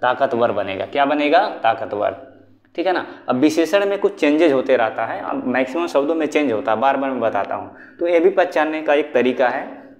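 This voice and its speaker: Young male tutor, online exam-prep lesson, drills by asking and repeating each answer. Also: mid-range voice. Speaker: Hindi grammar teacher.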